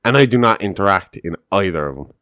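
A man's voice: low voice, animated, fast, a bit bright, no room sound, studio quality. A man hosting a podcast in casual chat, telling jokes, swearing freely and laughing often. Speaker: podcast host.

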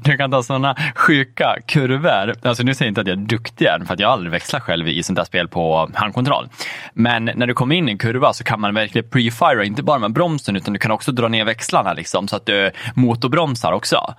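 A man with a low voice and a bright, forceful edge chats casually about games on a podcast. He rambles with lots of fillers and easy swearing, recorded dry and close. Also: no echo. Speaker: podcast co-host.

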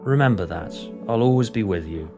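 A man voicing a frail, sick old grandfather with a hoarse, croaky voice in a story reading. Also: lowish voice, lively intonation, fairly quick, warm tone, faint music behind. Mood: tender.

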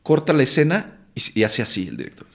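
Guest actor, male, Mexico City accent, lively anecdotal delivery with salty slang. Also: medium pitch, fairly quick, gravelly. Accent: Mexican Spanish. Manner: animated, acts out quotes, swears casually. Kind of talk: casual storytelling interview.

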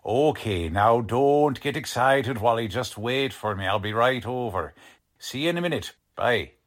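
Close to an everyday voice, this medium-pitched man uses lively intonation at a measured pace. He is playing a cocky, folksy police lieutenant in the manner of 1940s radio drama, delivering grave, businesslike lines in slangy, ungrammatical tough-guy speech.

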